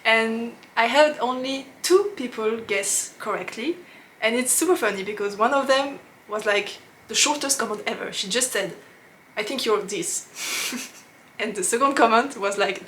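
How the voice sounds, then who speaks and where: This woman, a knitting podcast host with a French accent, chats casually to camera in a slightly high, somewhat bright voice, with a little hiss or hum audible. She laughs a lot and fills pauses while reaching for English words.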